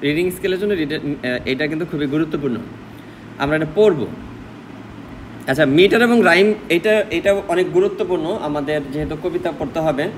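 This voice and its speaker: A man with a Bangladeshi Bengali accent teaches a poetry class in a fairly high voice. He explains each point patiently and keeps throwing questions back at his listeners. A faint air-conditioner hum sits behind him. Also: normal speed, low-quality recording. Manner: explains step by step, asks rhetorical questions. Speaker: English literature lecturer. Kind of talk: classroom lecture mixing English terms.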